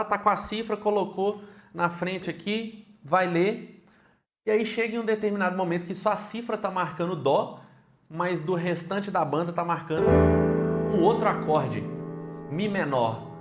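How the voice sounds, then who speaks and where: A Brazilian Portuguese-accented man gives an online keyboard lesson in a slightly high voice, asking the viewer questions as he goes. The room is echoey, and soft keyboard notes play behind him. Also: moderate pace, faint music behind. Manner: lively, talks straight to the viewer with frequent questions. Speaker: keyboard teacher.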